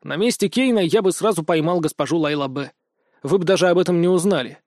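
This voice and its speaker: A man reading an audiobook, voicing a stubborn teenage boy psionic who speaks softly and defensively. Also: a little high, quick pace, no room sound, studio quality, close to an everyday voice. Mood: subdued. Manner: soft, subdued, defensive.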